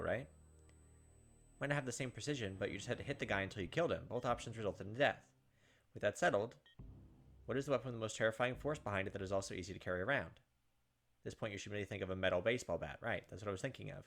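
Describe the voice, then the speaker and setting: A man on a gaming channel plays through a visual novel, voicing the narration and chiming in with short comments. He talks fast in a lowish, fairly bright voice, with the game's background music behind him.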